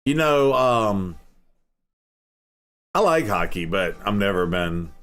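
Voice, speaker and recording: A man's voice: on the low side, sing-song, takes it slowly, a bit bright. A man streaming a game from his home office, chatting casually and rambling as he answers his chat.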